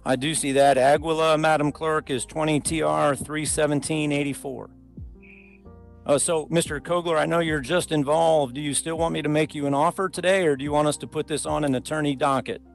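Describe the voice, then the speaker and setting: A man speaks as a judge running a remote court docket. His voice sits a little high and has a gravelly creak. His delivery is procedural, plain and courteous. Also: steady tone, fairly quick, faint music behind. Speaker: judge presiding over traffic court. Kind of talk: procedural court talk on a video hearing. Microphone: video call.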